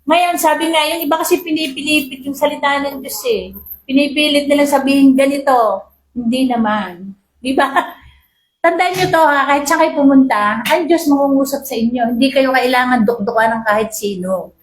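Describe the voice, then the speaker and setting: A woman's voice: high-pitched, normal speed. A woman preacher giving a sermon to her congregation, often asking them for agreement and mixing in English Bible quotes. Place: church hall. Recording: roomy echo.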